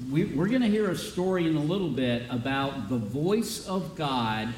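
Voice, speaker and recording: A man with a somewhat high voice leads a children's sermon as pastor, chatty and full of questions for the kids. He is picked up from a distance in a roomy church, with a faint murmur behind him. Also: animated, normal speed, darkish tone, slight background noise. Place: church sanctuary.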